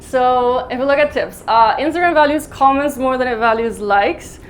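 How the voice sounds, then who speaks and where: Fast-talking woman giving a conference talk. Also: high voice, slight background noise. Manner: fast, chatty, many fillers like "like" and "um". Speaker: conference speaker. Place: conference hall in Mumbai.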